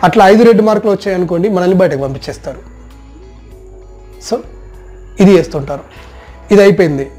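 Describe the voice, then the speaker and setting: Fast, high-voiced male trainer. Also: dark tone, faint music behind. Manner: direct, addresses listener as "you", long spoken lists. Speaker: soft skills trainer. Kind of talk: instructional talk on job placement rounds.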